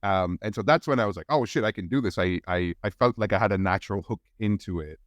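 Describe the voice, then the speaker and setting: Man, 40s, from India, podcast guest, rambling relaxed storytelling, smooth resonant voice, dry close sound. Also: lowish voice, quick pace, no echo. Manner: relaxed storytelling with many restarts and fillers. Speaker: guest film editor. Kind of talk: casual podcast interview.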